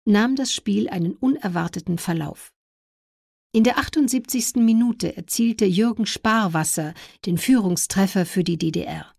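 A woman's voice: lowish voice, vocal fry, darkish tone, no echo, studio quality. A woman reading a scripted historical narration as a documentary narrator.

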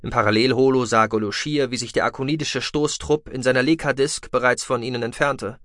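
This is scripted audiobook narration: a man reads science fiction at a steady, measured pace in a mid-range voice. No room sound intrudes on the studio-quality audio.

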